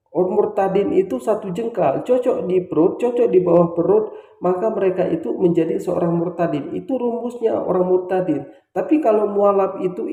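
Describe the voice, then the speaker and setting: A man delivers emphatic, lecturing religious commentary with a dark, mellow tone. His voice sits a little high for a man. The sound rings with the echo of the room. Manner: emphatic, lecturing, lists points. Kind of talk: preachy commentary.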